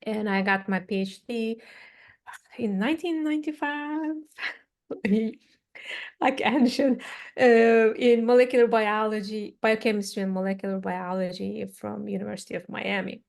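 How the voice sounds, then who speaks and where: A woman's voice: mid-range voice, steady tone, vocal fry, darkish tone. A woman, speaking thoughtfully as a panelist in a discussion. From Turkey. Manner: slow, thoughtful, many uh fillers.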